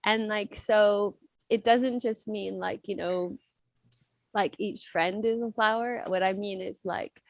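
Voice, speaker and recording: This young woman's voice is mid-range and creaky, with fairly even intonation and an unhurried pace, captured with no room sound. She's a club member guesting on a podcast, chatting in a rambling, playful way full of fillers and little performed voices.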